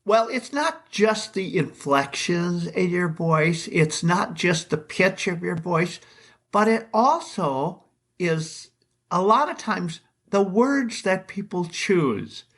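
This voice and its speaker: A man hosting a podcast who muses aloud in a relaxed way, with chuckling asides. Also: sits high, takes it slowly. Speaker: podcast host. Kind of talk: casual conversation.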